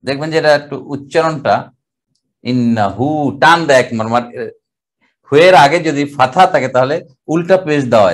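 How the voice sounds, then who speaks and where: Speaking at medium pitch, an older man from Bangladesh teaches Arabic grammar in class. He goes step by step, stretching out the Arabic words slowly.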